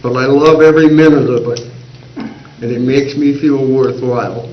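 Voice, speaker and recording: A man's voice: mid-range voice, fairly even intonation, normal speed, slight background noise. Older man telling folksy stories. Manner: folksy, anecdotal storytelling. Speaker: former school board member. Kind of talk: meeting remarks. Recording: roomy, dull community TV audio.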